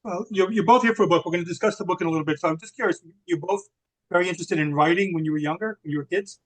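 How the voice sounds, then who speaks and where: A man hosting an interview, asking quick, rambling questions. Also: high-pitched, rough recording. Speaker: interview host. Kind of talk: interview conversation.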